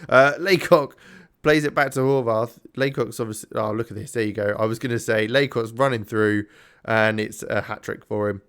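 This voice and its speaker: A man's voice: mid-range voice, steady tone, moderate pace, clear, resonant tone. A man casually commentating his own game, thinking aloud with lots of ums, tired and yawning. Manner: rambling, self-chatting, thinks aloud with many ums. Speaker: gaming YouTuber. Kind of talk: casual let's-play commentary.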